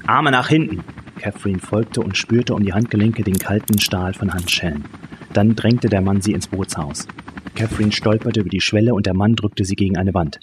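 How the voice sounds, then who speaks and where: A man's voice: fairly low pitch, background noise. A man reading a thriller audiobook in tense, dramatic scripted narration. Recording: narration over music. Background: music.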